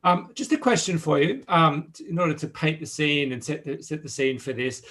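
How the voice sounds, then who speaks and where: Guy hosting a conference panel, brisk and organized, asking questions. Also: on the high side, lively intonation, a bit bright. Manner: brisk, structured, posing questions. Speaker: panel moderator. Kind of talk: moderating a conference session.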